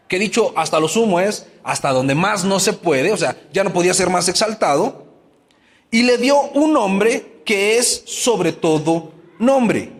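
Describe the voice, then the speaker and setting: A man's voice: high voice, big-room sound. A man preaching a sermon as pastor, asking his congregation many questions and acting out everyday complaints.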